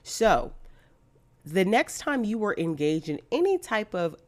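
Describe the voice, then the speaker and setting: A woman relationship coach hosting a YouTube commentary, explaining her points in a measured way with occasional bluntness. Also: mid-range voice, very animated.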